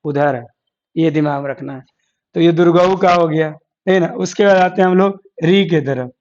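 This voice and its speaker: In a dull, lo-fi classroom recording, a male teacher delivers an exam-prep lecture with board examples, asking questions he then answers and going over key terms again and again. He speaks at normal speed in a darkish voice that's on the high side.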